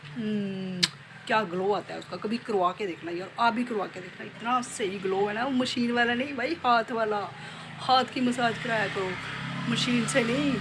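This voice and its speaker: Indoors at home, a woman from Jammu, a vlogger and beautician, chats casually into her phone with a medium-pitched voice. Playful and talkative, she speaks straight to viewers and leans on tag questions, with noticeable background noise.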